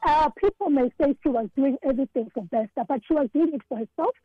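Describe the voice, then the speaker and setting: A woman's voice: sits high, fast talker, dry recording, phone-quality sound. A South African woman, an author being interviewed on the radio, talking earnestly and often repeating words as she thinks. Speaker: author and guest.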